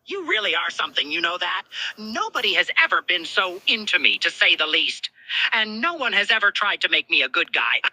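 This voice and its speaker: Flustered, teasing male alien commander for fan roleplay, played by a woman; swoopy pitch, very bright. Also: sing-song, brisk, no room sound, full character voice, rough recording. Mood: intrigued, teasing. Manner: smirking, hesitant, teasing. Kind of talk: fan fiction character roleplay dub.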